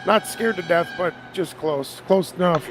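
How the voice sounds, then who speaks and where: A man with a high voice talking freely with his racing team, candid and laid-back, swearing without a thought. Clear engine noise sits behind him throughout. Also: normal speed, a bit bright. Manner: loose, candid, swears and laughs easily. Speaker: teammate driver. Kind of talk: casual team chat over voice comms.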